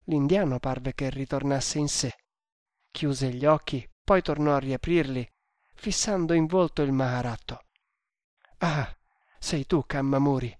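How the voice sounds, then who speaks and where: A man narrating an adventure novel in a measured, theatrical reading. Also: mid-range voice, dry recording, studio quality.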